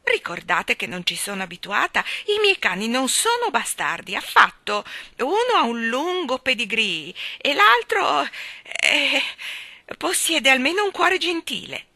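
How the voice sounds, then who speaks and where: A woman voicing a fussy, genteel lady who talks in a high, prim tone. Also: very animated, unhurried, pushed and bright, dry recording, full character voice. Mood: scandalised. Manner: high-pitched, shrill and prim. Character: fussy, genteel middle-aged lady with dogs.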